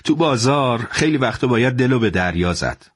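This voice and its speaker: A man narrating a first-person story in a lively, expressive way. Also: mid-range voice, no echo, studio quality.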